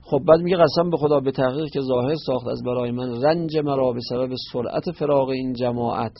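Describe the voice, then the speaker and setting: Gravelly man teaching a slow lecture. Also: medium pitch, dry recording. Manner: slow, explaining word by word. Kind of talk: classroom lecture on translating Arabic poetry. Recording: dull lo-fi recording.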